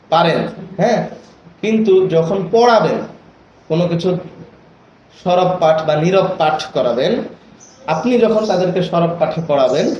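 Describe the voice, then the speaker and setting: A man's voice: a little high, a little mellow. A man leading a training session for teachers, coaxing and often asking for agreement. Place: training room. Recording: echoey room, dull lo-fi, noisy.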